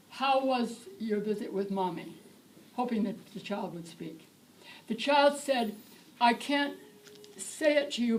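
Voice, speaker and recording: Brief: older woman, bright high voice, energetic teacher trainer chanting examples, taped from the audience. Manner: lively, demonstrates chants with rhythm and repetition. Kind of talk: lecture to teachers. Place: lecture hall. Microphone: tablet recording from the audience. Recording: distant room recording with faint hiss.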